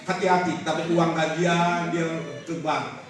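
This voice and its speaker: A man preaching a lively, animated church sermon to a congregation, illustrating his points with everyday stories. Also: fairly high pitch, unhurried, distant mic. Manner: animated, rising to shouted calls to the congregation. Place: large church hall with a congregation. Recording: echoey church hall, mic from afar.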